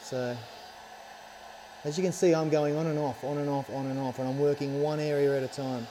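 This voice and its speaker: Over a noisy background, a man from Australia talks fairly quickly in a steady tone with a fairly high voice. He's an instructor who makes helmet accessories, seated at a workbench in a small indoor workshop studio, giving a casual, reassuring demonstration and regularly asking "okay?" and "all right?"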